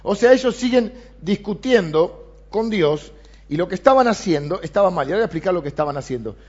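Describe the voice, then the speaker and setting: A man with a Rioplatense Spanish accent, preaching a sermon and reading scripture aloud with animated emphasis. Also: high-pitched, quick pace. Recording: dull lo-fi sound.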